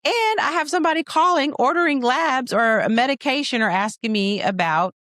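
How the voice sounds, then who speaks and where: A young woman co-hosting a podcast as a nurse, telling stories in a playful, animated way and acting out scenes. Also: high voice, a little fast, no room sound, studio quality. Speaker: podcast co-host, nurse practitioner. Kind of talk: casual storytelling chat.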